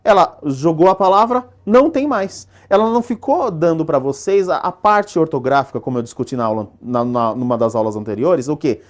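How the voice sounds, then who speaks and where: A man's voice: a little high, expressive, fairly quick, few pauses. A man with a Brazilian Portuguese accent teaching an exam-prep lesson at a board, explaining step by step and often checking in with the class.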